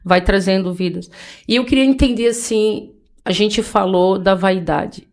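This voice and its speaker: A woman host leads a casual faith conversation. She thinks aloud while asking long, reflective questions and keeps checking in with her guest. Her voice sits at a middle pitch. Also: unhurried, a little mellow. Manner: reflective, probing questions with frequent "né". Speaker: podcast host. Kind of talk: casual interview chat.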